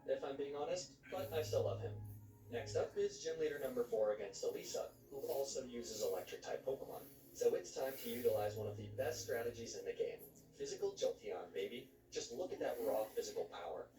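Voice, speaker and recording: A man's voice: mid-range voice, roomy sound, distant mic, poor audio. A man narrating gameplay from a script as a video host, with wry, joking asides.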